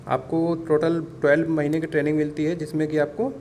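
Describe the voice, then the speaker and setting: A man with a slightly high, mellow voice and little pitch movement teaches an informal exam-prep lesson at a somewhat fast pace. He repeats himself, addresses his listeners as friends, and works in English words. The recording has clear background noise.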